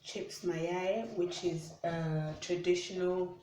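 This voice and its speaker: Slow-talking Ugandan-born woman in a kitchen. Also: lowish voice. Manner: relaxed, chatty, narrating tasks step by step. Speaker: vlogger. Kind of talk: casual kitchen vlog narration. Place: home kitchen. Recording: echoey room, mic at a distance, noisy background.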